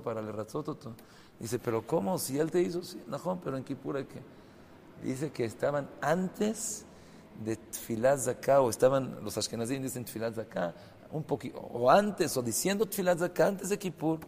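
Man giving a torah class, gravelly voice, lively storytelling, faint hum behind. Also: medium pitch, normal speed. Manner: animated storytelling, sudden loud bursts. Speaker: rabbi teaching Torah. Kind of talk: Torah lesson with stories. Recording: long reverb hall, faint ambient noise.

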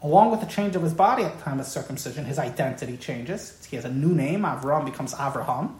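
A woman Torah teacher delivers an evening Torah lecture in an emphatic, impassioned manner, often repeating key words. Her voice is deep, expressive, and a little mellow, and she speaks at a quick pace. The recording sounds roomy and echoey.

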